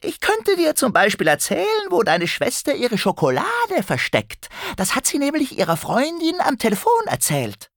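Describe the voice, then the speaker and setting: Male narrator doing a sneaky goblin in a kids' story, high and boastful, swooping all over, dry close sound. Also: moderate pace, few pauses, no echo, full character voice. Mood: sly. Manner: high, excited, pleased with itself. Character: sly, smug little phone goblin, male.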